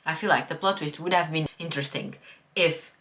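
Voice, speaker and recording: Outspoken woman with a lowish voice. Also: fairly quick. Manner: candid and opinionated, with lively exclamations. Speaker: book vlogger. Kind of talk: casual book review vlog.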